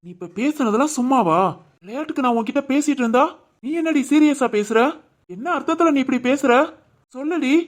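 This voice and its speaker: A young cartoon husband, hot-tempered, insistent, southern Tamil Nadu village speech, fairly high voice. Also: expressive. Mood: scolding. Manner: scolding, insistent, drawn-out questioning. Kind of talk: animated family drama dialogue.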